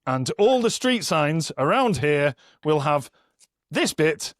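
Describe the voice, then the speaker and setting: A man's voice: fairly high pitch, very animated, slow, a bit bright, dry recording, clean studio sound. A middle-aged man, hosting a podcast and telling jokey stories with a laugh. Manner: jokey storytelling, laughs at his own stories. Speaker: podcast host. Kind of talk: casual chat.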